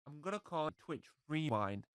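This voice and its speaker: A man's voice: a little high, very animated, moderate pace, fairly bright tone, smooth, dry recording, studio quality. Chatty man streaming live. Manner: chatty, self-interrupting, jokey. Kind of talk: rambling casual live-stream chat.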